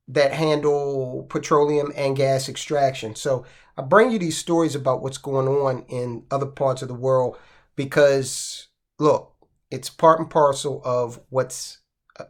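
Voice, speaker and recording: A man's voice: fairly high pitch, fairly bright tone. A man from the United States hosting a finance channel, talking casually about the news with asides and rhetorical questions. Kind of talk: casual commentary.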